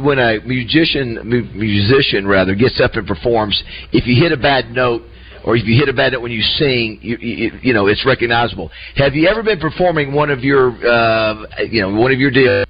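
Upbeat morning radio host. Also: male voice, mid-range voice, lively intonation, normal speed. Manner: upbeat, chatty, plugs the show. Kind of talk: radio interview hosting. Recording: slightly muffled radio broadcast.

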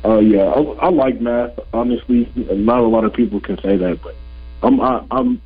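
A man's voice: medium pitch, animated, moderate pace, slightly rough. A young man, a college athlete, giving casual, slightly hesitant interview answers. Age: young adult. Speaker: college football player being interviewed. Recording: muffled phone line on radio.

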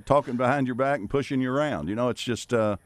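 Man, radio co-host, mid-pitched voice, folksy and joking, casual outdoor talk. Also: fast talker.

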